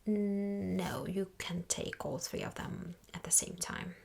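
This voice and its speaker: Woman acting a slow, whispering sassy librarian, whispered role-play. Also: lowish voice, flat delivery, exaggerated voice. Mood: hushed, helpful. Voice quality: soft, breathy half-whisper, like a library whisper. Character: sassy, dismissive female librarian recommending books to a visitor. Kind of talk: soft-spoken ASMR. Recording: clear background noise with clicks.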